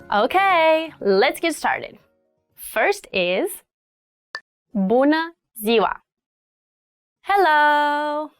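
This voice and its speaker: Upbeat woman hosting a language lesson. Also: fairly high pitch. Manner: upbeat, slows to spell out words. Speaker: language course host. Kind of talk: scripted language lesson narration.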